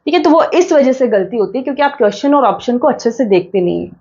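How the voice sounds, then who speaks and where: Fast and mellow, with lively intonation, a woman with a high voice runs an exam-prep lesson in a patient, methodical way. She goes over every point twice and asks herself questions before answering them, all captured on dull lo-fi audio.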